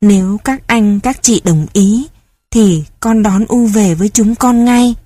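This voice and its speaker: A woman voicing a gentle, respectful grown son speaking slowly and politely to his mother. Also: mid-range voice, no echo, lightly acted. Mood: earnest. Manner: polite, hesitant.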